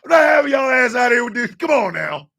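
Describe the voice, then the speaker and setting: A man in his fifties hosting a live stream, ranting with profanity and often breaking into shouts. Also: very high voice, sing-song, fairly quick, creaky, breathy edge, distant mic. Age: 50s. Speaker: host.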